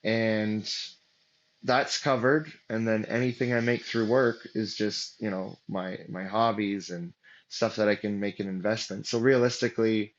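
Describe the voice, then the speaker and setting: A man's voice: on the low side, steady tone, unhurried, dull audio. A man as an interview guest, telling a story casually with many fillers and restarts, acting out what people said. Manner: rambling, many fillers and restarts, acts out quotes.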